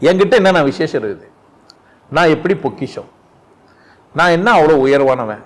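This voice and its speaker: A man giving an informal spiritual talk at a satsang, animated and full of rhetorical questions, often laughing as he speaks. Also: fairly high pitch, moderate pace. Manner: laughs often while talking.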